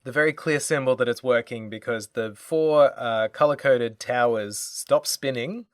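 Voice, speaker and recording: A man's voice: mid-range voice, a little slow, dry recording. Man, podcast co-host, casual game recap, dry studio-like sound.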